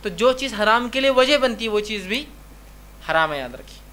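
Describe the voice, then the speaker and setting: This man's voice sits high, with an animated, sharp tone. He is an Islamic preacher giving a religious lecture, speaking with emphasis, returning often to the word "remember," and performing short exchanges to illustrate his points.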